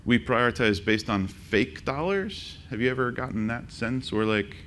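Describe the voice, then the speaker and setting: A man presenting a conference workshop, joking and quizzing the audience with quick questions. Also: mid-range voice, fairly bright tone, a little hiss or hum. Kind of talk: interactive conference talk. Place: conference session room.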